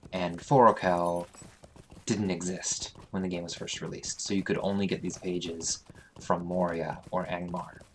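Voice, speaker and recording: A man's voice: sits low, slight background noise. A man hosting a let's play, casually commentating his game and thinking aloud with frequent fillers.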